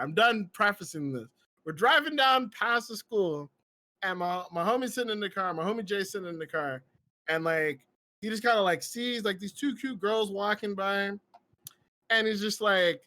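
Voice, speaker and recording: A young man with a high, bright, ringing voice tells stories in a loose podcast chat. He laughs often and slips into the voices of the people he quotes. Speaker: podcast host. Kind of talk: casual storytelling chat.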